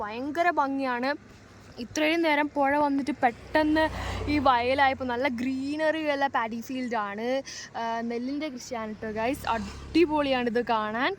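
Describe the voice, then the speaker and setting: A woman with a northern Kerala Malayali accent doing a casual, enthusiastic travel vlog outdoors, mixing English words into her Malayalam and addressing her viewers. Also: high-pitched. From Wayanad, Kerala, India. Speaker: travel vlogger. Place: outdoors by backwaters, paddy fields and on a canoe. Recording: noisy outdoor recording with ambient sound.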